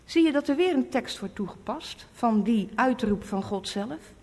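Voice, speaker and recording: Woman preacher, kinda high voice, hammering warnings over and over, big echoey hall. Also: lively intonation, normal speed, a little mellow, breathy edge. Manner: emphatic, repeats warnings. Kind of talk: sermon.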